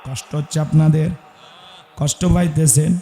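A male Islamic preacher from Bangladesh, delivering an emotional chanted sermon in a sing-song, wailing way that often bursts into shouts. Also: a little high, steady tone, normal speed, slight background noise. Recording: echoey sermon recording.

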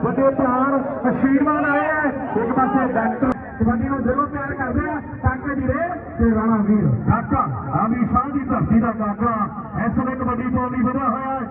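At an outdoor village sports ground, a man with a Punjabi accent announces and commentates on a rural kabaddi match in a declamatory style. His extremely high-pitched voice keeps a steady tone at a moderate pace over a noisy crowd, heard distantly through a tinny, echoing PA in a noisy recording.

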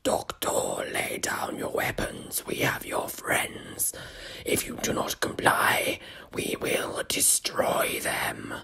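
A woman voicing a sinister shape-shifting alien creature in a sour, wet whisper, slow and menacing. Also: bright, forceful tone. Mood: threatening.

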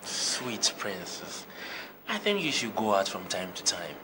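An irritable, smooth-talking young man in a film drama. He has a Ghanaian accent and a very animated, mid-pitched delivery. There is clear noise around the dialogue. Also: a little slow, heavily acted. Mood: coaxing. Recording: noisy location film sound.

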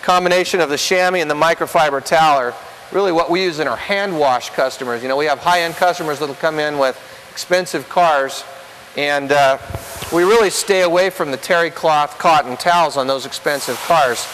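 Brief: man in his forties, slightly high voice, practical shop-owner talk with ums, reverberant garage bay, faint hum. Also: fairly quick, fairly bright tone. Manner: plain, practical, with frequent ums and uhs. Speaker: car wash owner. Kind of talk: instructional demonstration. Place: large indoor car wash bay.

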